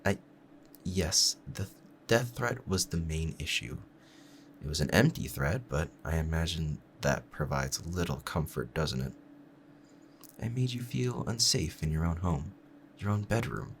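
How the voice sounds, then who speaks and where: In a romantic audio roleplay, a man plays a dangerous assassin who is smitten with the listener. His low, creaky voice stays measured and formal as he confides with a calm pride that feels menacing and tender at once, exaggerated in delivery, with a faint hiss or hum. The mood is tender and regretful.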